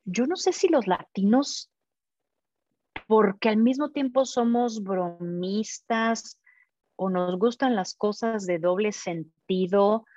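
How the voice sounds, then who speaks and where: A woman's voice: mid-range voice, a little mellow, dry recording. Hesitant woman therapist, muffled dry audio. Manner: hesitant, many fillers and restarts, acts out examples. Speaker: couples therapist. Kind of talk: live talk on couple communication. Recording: dull muffled dry sound.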